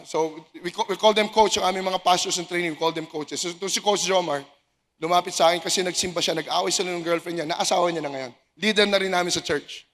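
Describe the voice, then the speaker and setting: A middle-aged man preaching a sermon as a pastor, animated, mixing languages and acting out people he quotes in a raised voice. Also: high-pitched. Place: church service in a basketball gym.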